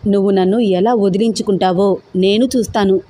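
A woman voicing a stubborn, teasing young man in love, playful and persistent, with a mellow tone. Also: mid-range voice, steady tone, fairly quick, lightly acted.

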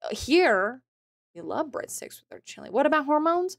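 A woman's voice: high-pitched, sing-song, moderate pace, vocal fry, no echo. A woman streamer in casual chat with her viewers, rambling and chatty with lots of filler words, laughing often between phrases. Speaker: game streamer.

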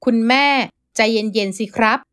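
A woman voicing a remorseful husband who pleads softly and apologetically. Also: normal speed, natural voice. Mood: remorseful pleading.

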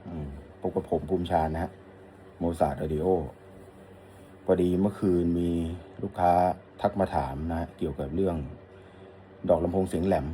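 A middle-aged man with a deep, very dark and mellow voice talks casually as an audio shop owner. He rambles in a friendly, polite way while answering a customer's question, with a faint noise under the recording. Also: fairly even intonation, normal speed. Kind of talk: casual talk to camera.

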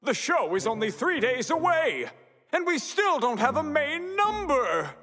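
High, pompous cartoon stage magician. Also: male voice, sing-song, measured pace, noisy background, full character voice. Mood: panicked, demanding. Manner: theatrical, grandiose, bossy. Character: pompous, demanding, excitable male stage magician. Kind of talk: cartoon voice acting. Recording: big reverberant hall, music underneath.

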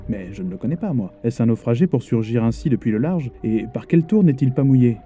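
A man voicing a stubborn, agitated sea captain who speaks in a gruff, exclamatory, insistent way. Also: mid-range voice, lively intonation, brisk, dark tone, faint music behind, lightly acted.

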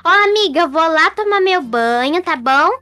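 A girl playing a friendly schoolgirl who asks her friend to babysit, speaking in a chatty, quick way. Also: very high voice, lively intonation, bright, forceful tone, no room sound, soft background music. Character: a friendly girl named Jéssica with a baby sister. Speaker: role-play participant.

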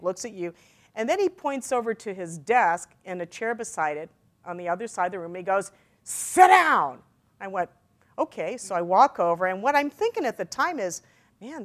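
Middle-aged woman on a conference stage, animated storyteller, does little voices for people. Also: mid-range voice. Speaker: keynote speaker. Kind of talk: storytelling keynote talk.

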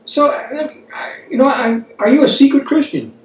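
In an echoey small room, captured by a distant microphone with a little hiss or hum, a man in his fifties preaches a Bible study at a wooden table. He's earnest and exhorting, repeating phrases for emphasis, in a very high-pitched voice with lively intonation at a normal speed.

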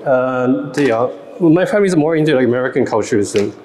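A man in his thirties from Japan, with a Japanese accent, giving a casual, halting talk to a young audience with many fillers and questions. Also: medium pitch, lively intonation, a little mellow. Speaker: lecturer and festival speaker. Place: large hall, indoors. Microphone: stand microphone. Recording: roomy hall echo.

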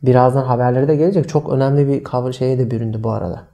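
A man co-hosting a casual marketing podcast, talking in an animated, emphatic way. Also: medium pitch, rapid-fire, gravelly. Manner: animated, emphatic, addresses co-host by name. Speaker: podcast co-host.

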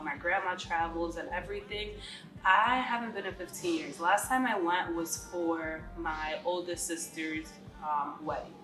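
A woman's voice: on the low side, reverberant, poor audio. A woman in her twenties from the Dominican Republic, chatting casually to camera with a stuffy nose from a cold. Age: 20s. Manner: chatty, slangy, addresses viewers directly. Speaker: vlogger. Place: bright living room, indoors.

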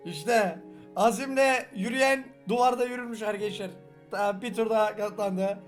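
Young guy w regional turkish accent, quick jokey game commentary, highish voice, faint music behind. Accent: Turkish regional dialect. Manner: fast-talking, joking, swears often. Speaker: gaming video host. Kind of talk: casual reaction commentary.

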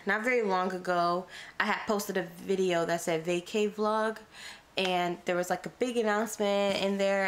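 A young woman vlogging to a close camera in a small plain room, earnest and chatty, circling back and restarting her thoughts. Her voice sits fairly low for a woman. A faint hum of room noise runs underneath. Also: fairly bright tone. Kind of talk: casual talk to camera. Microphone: camera close in front.

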